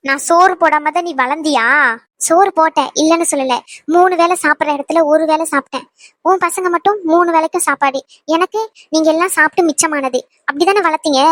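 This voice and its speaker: A woman playing a defiant young woman who breaks with her family, scolding fast and then turning tender. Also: high-pitched, no room sound, close to an everyday voice. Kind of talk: amateur web drama acting.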